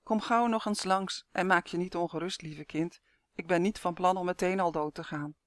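A man voicing a calm, gentle old lady of eighty. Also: sits high, normal speed, dry recording, studio quality, lightly acted. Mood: soothing. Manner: calm, soothing, gently wise. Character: kind frail old woman of eighty.

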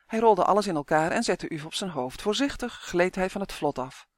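Steady, clear children's storybook narrator; mid-pitched, dry studio sound. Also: brisk, dry recording. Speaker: audiobook narrator.

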